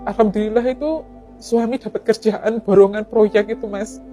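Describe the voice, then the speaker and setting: A woman's voice: medium pitch, fairly even intonation, normal speed, mellow, soft background music. A middle-aged woman with an East Javanese accent, a fish farmer and teacher telling her personal story to an interviewer, earnest and often giving thanks to God.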